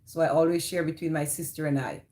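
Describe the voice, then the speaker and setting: Speaking low and quickly with a dark tone and fairly even intonation, a Jamaican-accented woman runs an informal livestream. She calls out viewers by name and replies to their comments.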